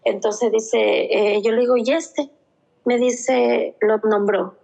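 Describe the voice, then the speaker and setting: A woman's voice: fairly high pitch, fairly even intonation, slow pace, creaky, darkish tone, poor audio. A woman, an interview guest giving an emotional personal testimony and retelling events through quoted dialogue. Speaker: interview guest, mother of a child victim.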